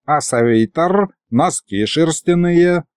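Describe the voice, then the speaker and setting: A homely old grandfather who fusses over his grandson, as a male narrator puts him on. His voice moves around a lot. The tone is soft and mellow, recorded dry. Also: fairly high pitch, animated, slow, clean tone, dry recording, pitched above the performer's own voice. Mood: fussing. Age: older.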